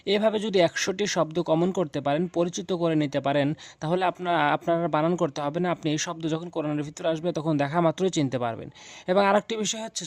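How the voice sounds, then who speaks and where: A man teaching Quran reading, spelling out syllables slowly and repeating them as drills. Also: on the high side, no room sound. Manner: slow, drilling repetition of syllables. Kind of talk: spelling-out recitation lesson.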